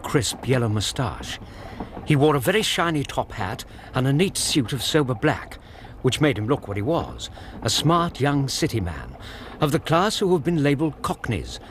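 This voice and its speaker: An actor playing a genial middle-aged English doctor of Victorian times, narrating his memoirs in measured, literary style for a radio drama. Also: medium pitch, a little hiss or hum, natural voice.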